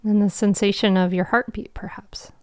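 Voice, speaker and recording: A woman guiding a meditation in a soft, soothing, slow voice with long pauses, breathy and trailing toward a whisper. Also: medium pitch, steady tone, no echo, studio quality. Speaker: meditation guide and show host. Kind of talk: guided meditation.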